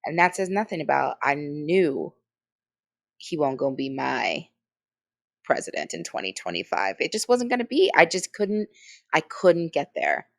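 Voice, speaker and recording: A woman's voice: sits low, very animated, normal speed, vocal fry. A woman co-hosting a podcast in casual chat, emphatic, with frequent restarts and asides. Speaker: podcast co-host.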